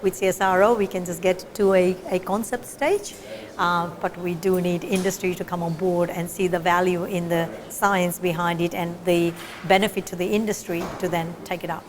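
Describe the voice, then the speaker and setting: A middle-aged meat scientist from Fiji explains her research while answering interview questions, with frequent fillers and restarts. Her voice is lowish and steady at normal speed, and a crowd can be heard behind her.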